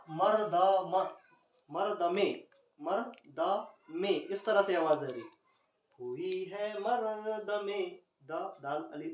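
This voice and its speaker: A man's voice: fairly high pitch, far from the mic. A man teaching an Urdu poetry scansion lesson, spelling out letters one by one in an Indian Urdu accent. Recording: roomy echo, speaker off the mic.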